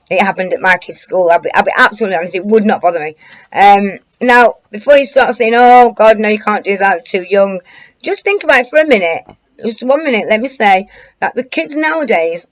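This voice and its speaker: British woman, average pitch, informal online commentary, rambling, hesitant, colloquial phrasing. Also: poor audio. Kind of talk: informal news commentary to camera.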